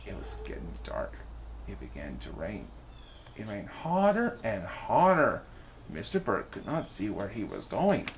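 Slow, animated storybook reader, a woman. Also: rumbling low, a little hiss or hum. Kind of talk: expressive children's story narration.

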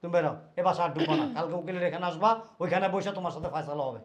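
A man's voice: a little high, very fast, lightly acted. An actor playing a domineering older father-in-law who scolds and gives orders. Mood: commanding. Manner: scolding, bossy. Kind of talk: Bangla drama acting.

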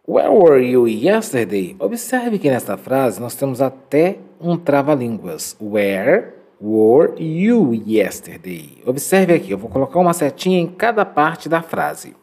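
A man teaching English to Portuguese speakers in a recorded lesson, slowly modeling phrases for students to repeat. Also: medium pitch, darkish tone, husky. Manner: slow, drawn-out modeling of English phrases for repetition.

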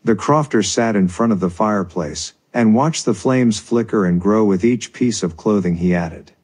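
Reading a folk tale from a script, a man narrates with a low, husky-grained voice. His storytelling stays measured and steady throughout.

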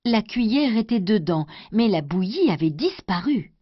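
A woman storyteller doing an expressive scripted storybook narration. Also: mid-range voice, moderate pace, breathy edge, dry recording. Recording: dry, dull lo-fi recording.

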